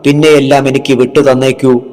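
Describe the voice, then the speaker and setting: A man voicing a vengeful, seductive female yakshi spirit in a horror story narration, speaking in an urgent, commanding hush. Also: medium pitch, little pitch movement, a little fast, soft background music, natural voice. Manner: urgent, commanding hushed speech.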